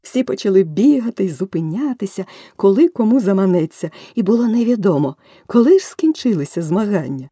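A woman narrating a children's storybook aloud with expressive, varied delivery. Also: medium pitch, a little fast, husky, no echo, studio quality.

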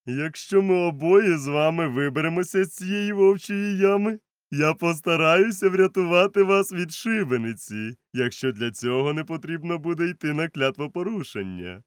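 A man's voice: on the high side, expressive, normal speed, clear, resonant tone, no echo, voice pushed up, lightly acted. Man playing a resolute old-school doctor, raised voice, urgent and firm, dry close sound.

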